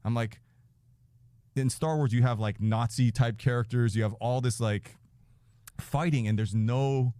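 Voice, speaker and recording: A man's voice: mid-range voice, steady tone, a little slow, long pauses, mellow, dry recording, clean studio sound. A man telling a rambling, profane story as a podcast guest, acting out quotes and laughing mid-sentence. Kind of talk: casual anecdote-telling.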